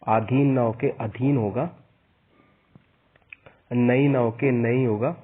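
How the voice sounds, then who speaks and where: A man teaching a spelling lesson for an exam, slowly spelling out each vowel sign and repeating the corrections. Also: mid-range voice, steady tone, breathy edge. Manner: slow and repetitive, spelling out vowel signs. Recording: tinny phone-like sound.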